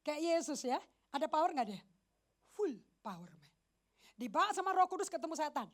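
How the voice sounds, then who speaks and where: Animated high-voiced woman pastor preaching. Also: fairly quick. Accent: Indonesian. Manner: animated, mixes English phrases, jokes with the congregation. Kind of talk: lively sermon. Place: church service.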